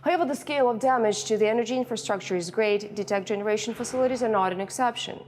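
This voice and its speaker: A woman's voice: a little high, racing, darkish tone. A woman with a Ukrainian accent gives a prepared statement as a company press secretary, recorded inside a bomb shelter. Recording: long echo of concrete shelter, noisy.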